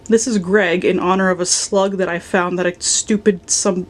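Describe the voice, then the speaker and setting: Speaking on the low side with a steady tone and moderate pace, a young collector from Philadelphia, USA, walks through her indoor sewing room and office at home. The casual tour is playful and affectionate, full of dry jokes about her toys.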